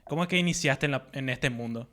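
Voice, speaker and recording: A man co-hosting a business podcast, asking questions and explaining things in an even, conversational way. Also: medium pitch, fast talker. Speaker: podcast co-host. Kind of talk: podcast interview.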